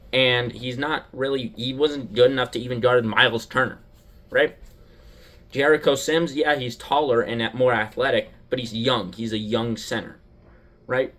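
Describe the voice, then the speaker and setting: A man giving a casual opinion monologue as a sports video host, animated and dramatic, with rhetorical questions. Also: medium pitch.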